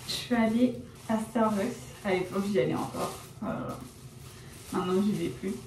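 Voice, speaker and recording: Dyeing her hair indoors at home, a young vlogger chats in a mid-range, darkish voice at a moderate pace, recorded from a distance with a little hiss or hum and faint room ambience. Her talk wanders, full of self-corrections and fillers such as "genre" and "euh," and she calls herself shy and reserved.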